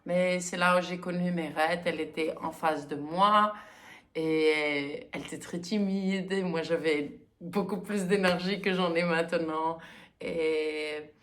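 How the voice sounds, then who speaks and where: A woman hosting her knitting podcast in a casual, chatty way, often pausing with hesitant fillers. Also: lowish voice, fairly even intonation, a bit bright. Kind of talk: casual chat.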